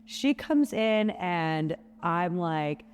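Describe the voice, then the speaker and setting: A woman podcast host telling stories in casual chat, lively, and acting out what people said. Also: fairly low pitch, drawn-out words, clean tone. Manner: animated storyteller, acts out quotes. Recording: long reverb with a faint hum.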